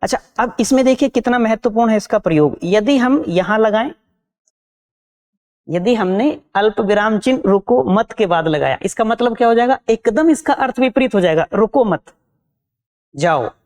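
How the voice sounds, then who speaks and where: A woman's voice: a little high, animated, normal speed, a little mellow. A woman teaching an exam-prep lesson. She repeats key terms and asks her students rhetorical questions.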